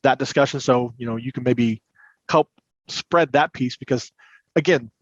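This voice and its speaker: On muffled, roomy audio, a podcast guest who manages compliance and recovery at a credit union talks at normal speed in a mid-range voice. His explanations come across as earnest and conversational, like an expert being interviewed.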